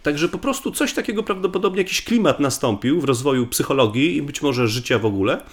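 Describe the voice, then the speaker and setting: A man's voice: on the high side, animated, fast. A man from Poland explains things conversationally as a guest researcher, often repeating words and restarting as he thinks aloud.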